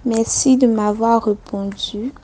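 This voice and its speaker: A woman's voice: a little high, steady tone, takes it slowly, dark tone. A woman from Côte d'Ivoire with an Ivorian French accent, telling her own story in a recorded voice message with simple, repeated phrasing. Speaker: story contributor.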